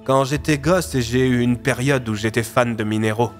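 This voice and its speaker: A man's voice: medium pitch, steady tone, normal speed, faint music behind, lightly acted. A man voicing an outspoken male police inspector who talks in a casual, colloquial way.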